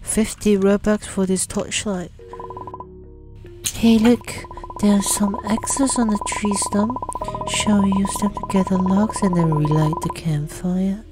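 A woman's voice: medium pitch, fairly even intonation, a little slow. A woman casually playing a story game, reading its lines aloud, slipping into whispers at times and swearing now and then. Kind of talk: casual gameplay commentary. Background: game music.

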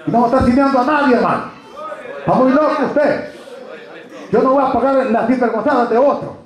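High-voiced preaching man, echoey church. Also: fairly quick. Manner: emphatic, calls to the congregation. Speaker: pastor. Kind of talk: preaching sermon. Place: church hall.

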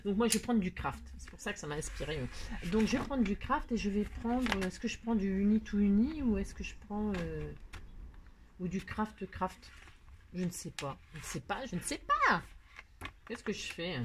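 A woman's voice: mid-range voice, expressive, normal speed. A woman hosting a card-making tutorial, chatting casually and rambling, talking straight to viewers with lots of self-mocking asides. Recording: noisy home recording.

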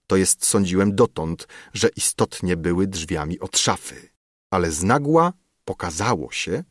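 Deep, slow male audiobook narrator. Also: dry recording, studio quality.

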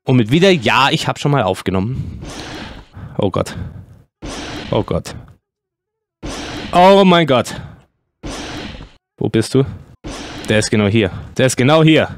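Excitable gamer man, lively pitch. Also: slow pace, long pauses, no echo, studio quality. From Germany. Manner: excitable, exclaiming and yelping. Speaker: gaming YouTuber. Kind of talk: excited let's-play commentary.

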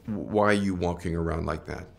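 A man's voice: low-pitched, normal speed, vocal fry, a little hiss or hum. A man playing a curt, impatient casting director in a comedy radio ad. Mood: exasperated. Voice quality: curt, exasperated.

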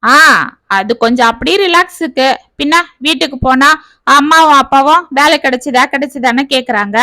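A woman putting on a jobless young graduate from a storybook, defensive and pleading. The voice stays bright and high, recorded dry and close. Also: moderate pace, no room sound. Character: idle young man, educated and jobless, defensive. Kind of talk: storybook reading.

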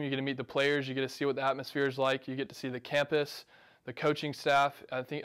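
A man's voice: medium pitch, fairly bright tone, smooth. A man in his early twenties from Georgia with an American accent, giving casual, earnest interview answers in a plain-spoken way. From Georgia, United States. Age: early 20s. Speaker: college tennis player and coach. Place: small office, indoors.

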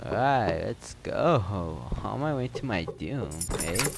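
Man gaming commentary, low voice, swings widely in pitch, gravelly, loud game sounds behind. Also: expressive, takes it slowly, background noise. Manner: jumpy, exclamatory, laughing asides. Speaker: gamer.

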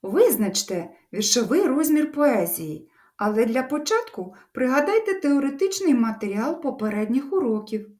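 A woman teacher giving a literature lesson with an expressive, lively delivery, addressing her pupils in a warm, encouraging way. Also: high voice, normal speed.

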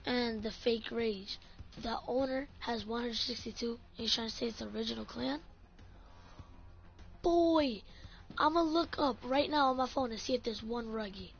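A woman's voice: on the high side, fairly even intonation, a little fast, gravelly. A woman ranting in a casual vlog about her gaming clan, swearing often and saying "like" a lot. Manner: ranting, profane, full of "like". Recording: dull lo-fi audio, faint music.

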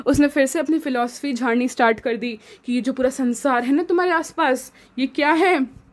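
A woman's voice: sits high, moderate pace. A woman teacher with an Indian accent explaining an English chapter line by line, mixing Hindi and English and asking and answering her own questions.

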